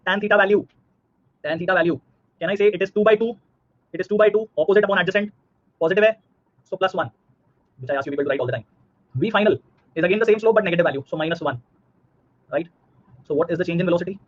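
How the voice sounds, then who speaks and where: Indian guy teaching a live class online, husky voice, repeats stuff and asks questions, bit muffled audio. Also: high-pitched. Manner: repeats himself, checks understanding with questions.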